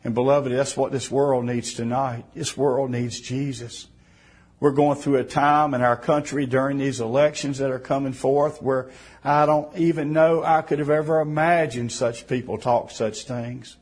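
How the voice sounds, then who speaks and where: A man preaching a sermon in a fervent way, rising to emphatic bursts and then dropping soft. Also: medium pitch, steady tone, normal speed, breathy edge.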